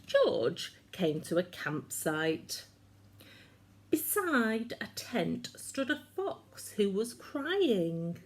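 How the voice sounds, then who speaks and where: Very slow, expressive woman storyteller. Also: mid-range voice. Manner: expressive, measured. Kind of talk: children's story reading.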